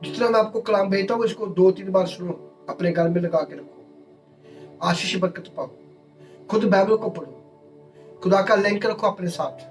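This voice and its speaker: A man's voice: sits high, moderate pace, long pauses, recorded from a distance, soft background music. A male pastor, preaching a sermon in emphatic, repeated short phrases.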